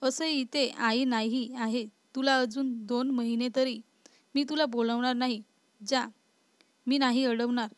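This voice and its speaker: स्त्री निवेदिकेने वाचलेला चिडका तरुण नवरा, रागावून बोलणारा, कोरडा आवाज. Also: female voice, a little high, fairly even intonation, slow pace, no echo. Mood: angry. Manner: scolding, exasperated. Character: short-tempered, protective young husband. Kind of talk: storybook reading.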